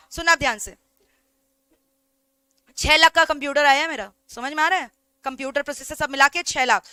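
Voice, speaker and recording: A woman's voice: sits high, sharp tone, no echo. An Indian woman teacher giving an online lecture in a chatty way, often checking whether her students follow.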